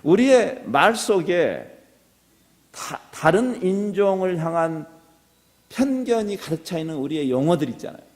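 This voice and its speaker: A man's voice: sits high, very animated, measured pace, darkish tone. A middle-aged man preaching a sermon as a pastor, earnest and building to impassioned appeals. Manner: earnest, rising to impassioned exhortation. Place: church sanctuary. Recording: reverberant church hall.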